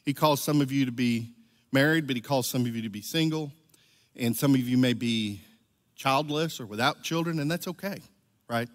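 A man's voice: mid-range voice, normal speed. A middle-aged man, a church elder, preaching a conversational sermon and telling stories, often checking in with "right?". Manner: chatty storytelling, keeps asking "right?". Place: church sanctuary. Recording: long reverb of a large church hall.

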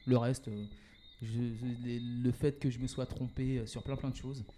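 A man with a warm, mellow voice speaks in a relaxed, casual interview. He talks hesitantly, with frequent fillers and restarts, and drops English words into his sentences. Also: medium pitch, normal speed, a little hiss or hum. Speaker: guest, event organizer and entrepreneur.

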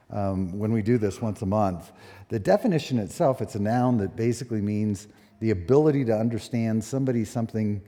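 A man in his sixties, a pastor preaching a sermon at a pulpit microphone, relaxed and conversational with many fillers. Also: lowish voice. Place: church sanctuary. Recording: echoey church hall.

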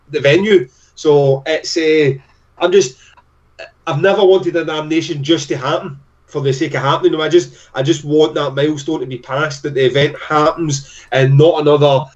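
A man with a broad, thick Scottish accent from Glasgow, chatting in an excitable way as an interview guest. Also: a little high, distant mic, highs cut off. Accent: broad Glaswegian Scottish. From Scotland. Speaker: podcast guest, festival promoter. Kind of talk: casual interview chat.

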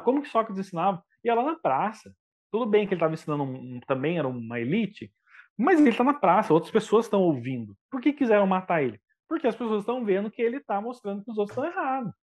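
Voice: mid-range voice, big pitch swings, fast talker, darkish tone. A teacher in casual podcast chat, talking animatedly and jumping into the voices of the people he quotes.

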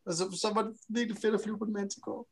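A person playing a tabletop role-playing game, answering in character in a calm, apologetic way. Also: female voice, medium pitch, vocal fry, very noisy. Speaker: player.

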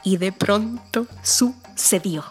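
A woman reading a children's story aloud in an expressive, playful way. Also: mid-range voice, slow, soft background music.

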